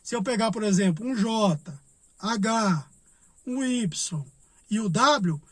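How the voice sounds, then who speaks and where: Man, high voice, Bible study lesson, patient explaining, dry close sound. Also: expressive, a bit bright, no room sound. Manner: explains slowly, repeats points, asks and answers his own questions. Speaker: Bible teacher.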